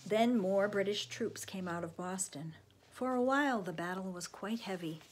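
A woman reading a children's book aloud, expressive, often dropping into a hushed whisper. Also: medium pitch, moderate pace, a little hiss or hum. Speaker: storybook reader.

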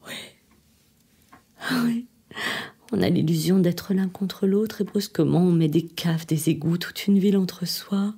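A woman's voice: fairly low pitch, measured pace, pauses often, warm tone, slightly rough. An actress reading a theatre monologue as a desperate woman pleading on the phone with her departing lover, often sinking to a trembling whisper. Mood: tender, heartbroken.

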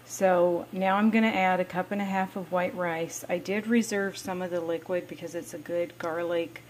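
A woman's voice: lowish voice, steady tone, normal speed, darkish tone, a little hiss or hum, poor audio. A woman narrating a home cooking vlog in a friendly, explanatory way, recorded in her kitchen with a handheld camera. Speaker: cooking vlogger.

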